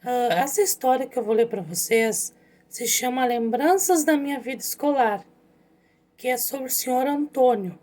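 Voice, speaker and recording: A young woman teacher giving an online lesson to her pupils, speaking calmly and patiently as she reads a story aloud. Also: sits high, normal speed. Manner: calm, patient, addresses pupils directly.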